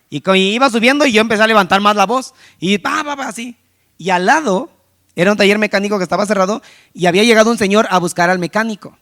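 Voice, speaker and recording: A man's voice: sits high, fairly bright tone. A man preaching a sermon, telling a street-evangelism story and acting out the people he met, with frequent restarts. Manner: storytelling, acts out quoted voices, frequent restarts. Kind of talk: sermon testimony.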